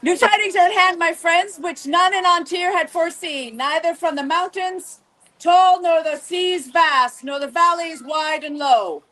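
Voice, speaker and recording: A woman acting as herald at a medieval reenactment court, loudly declaiming ceremonial proclamations in formal, old-fashioned renaissance fair speech. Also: very high voice, a little slow, rough recording.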